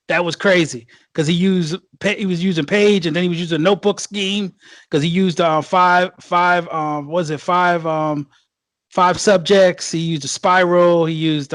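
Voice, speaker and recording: A man giving his take in a casual podcast chat, hesitant and halting, with many fillers and restarts. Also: high voice, fairly bright tone, dry recording.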